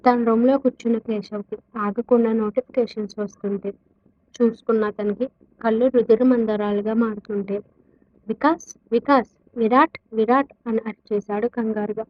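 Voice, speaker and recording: A woman's voice: a little high, moderate pace, no echo. A woman narrating a dramatic family story, switching her tone for the characters' quoted lines. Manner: expressive, shifts tone for quoted characters. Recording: dull, lo-fi dry recording.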